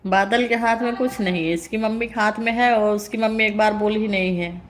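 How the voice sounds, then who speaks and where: A woman's voice: mid-range voice, a little fast, a little hiss or hum. Playful woman hosting a live stream. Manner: playful teasing, frequent laughter. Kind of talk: casual live-stream chat reading comments.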